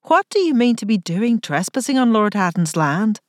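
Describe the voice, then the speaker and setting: A defiant young gentlewoman, played by a woman narrator who speaks with a thick accent and a sharp, commanding edge. The pitch ranges widely in storybook style. The sound is close and dry, with no room in it. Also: very animated, moderate pace, no room sound, close to an everyday voice.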